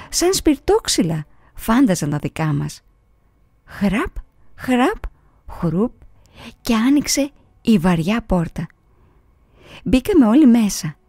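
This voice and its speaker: Woman, storybook narration, lively melodic reading, mellow dark tone, dry close sound, faint music behind. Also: medium pitch, no room sound. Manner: expressive, storytelling delivery. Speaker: audiobook reader.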